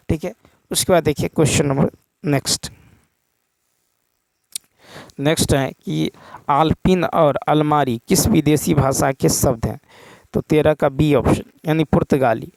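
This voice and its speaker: A man teaching exam questions in a steady explaining manner, often stopping to check with a quick "okay". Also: on the high side, creaky, dry recording.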